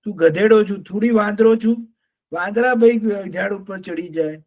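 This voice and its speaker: A man voicing a clever, sensible female cat who scolds briskly in a children's story. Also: sits high, lo-fi sound, voice pushed up. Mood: scolding.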